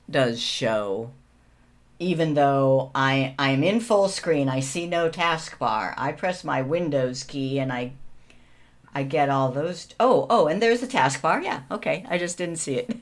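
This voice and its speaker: A woman co-hosting a casual video call who thinks aloud and corrects herself as she goes. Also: deep voice. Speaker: co-host. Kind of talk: casual webinar chat. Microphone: video call mic.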